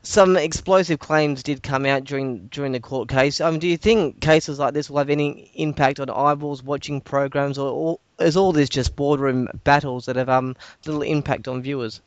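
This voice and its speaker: Casual Australian male host, clear and resonant, halting phrasing, close dry sound. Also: medium pitch, fairly even intonation, dry recording, muffled recording. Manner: halting, repeats words as he goes. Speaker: podcast host. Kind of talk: casual discussion.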